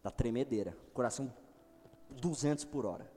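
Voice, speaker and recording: A middle-aged pastor preaching a sermon, swinging between loud exclamations and quiet asides. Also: male voice, medium pitch, animated, normal speed, breathy edge. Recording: long hall reverb.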